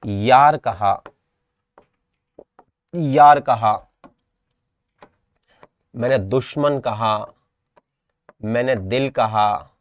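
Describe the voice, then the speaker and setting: A young Indian man with a Rajasthan Hindi accent leads an exam-prep class, his medium-pitched voice captured in a dry, muffled recording. He drills each word through repetition and keeps checking that students understand.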